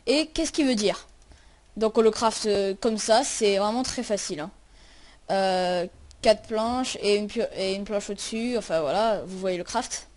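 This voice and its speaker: A woman's voice: medium pitch, unhurried, a little mellow. A woman hosting a casual game tutorial, chatty and full of hesitations. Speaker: tutorial host.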